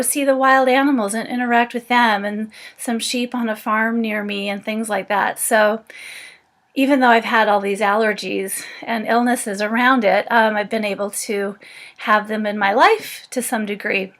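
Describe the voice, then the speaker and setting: A woman in her forties talks straight to the camera in her room, telling a personal story in an unscripted vlog. Her voice sits a little high, and she is earnest and reflective, with "um"s scattered through. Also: fairly bright tone. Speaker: animal communicator. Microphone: camera or phone facing her.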